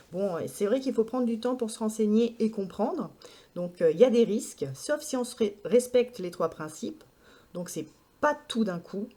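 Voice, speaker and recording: Mellow-voiced hesitant woman vlogger. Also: medium pitch. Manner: hesitant, many filler sounds and restarts. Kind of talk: casual spoken vlog update.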